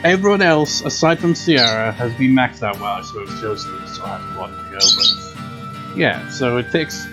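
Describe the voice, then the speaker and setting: A man's voice: mid-range voice, animated, moderate pace. A man giving casual, rambling video game commentary in a wry, unenthusiastic manner. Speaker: gameplay video host. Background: game music.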